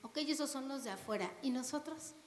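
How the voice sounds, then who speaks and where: A woman preaching a sermon, questioning her congregation and reading scripture with loud emphatic rises. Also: sits high, a little fast. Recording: echoey hall with long reverb.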